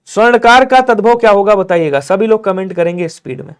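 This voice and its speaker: A man teaching a live online exam-prep class, urging viewers to comment quickly and answering in his students' voice. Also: high voice, clear, resonant tone. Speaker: Hindi teacher.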